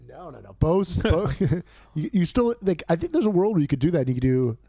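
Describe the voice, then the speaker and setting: A man's voice: on the high side, very animated, a little fast, dark tone, no room sound, studio quality. A man hosting a casual sports watch-along stream, swearing and laughing often into a headset mic. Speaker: livestream host.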